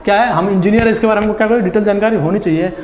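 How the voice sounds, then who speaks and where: Guy teaching a class, high voice, asks stuff then answers it, big echoey hall. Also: darkish tone, a little hiss or hum. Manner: asks questions and answers them himself; repeats key words slowly and low. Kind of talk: classroom lecture.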